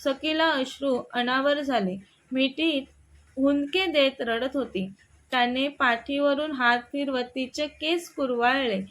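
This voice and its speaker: Woman storyteller, high voice, slow gentle reading, scripted story narration. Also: steady tone.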